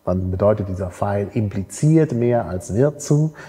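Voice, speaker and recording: A man's voice: lowish voice, lively intonation, measured pace, warm tone, husky. Lecturing man in a reverberant hall. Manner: explanatory, frequent tag questions and fillers. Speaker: university lecturer. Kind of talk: university lecture.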